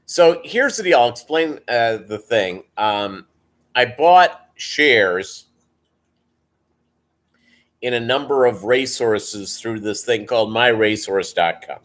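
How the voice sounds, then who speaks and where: Male livestream host, deep Southern US accent, mid-pitched, unhurried, rambling casual chat. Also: animated, fairly bright tone. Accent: deep Southern American. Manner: rambling, halting delivery, reading and answering viewer comments. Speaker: live stream host.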